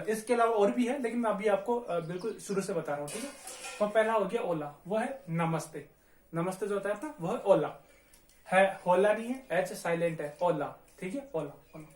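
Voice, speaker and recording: A man's voice: high-pitched, roomy sound. A man from India teaching a casual beginner language lesson, patiently repeating each word and checking in with "okay" again and again. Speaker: Spanish teacher.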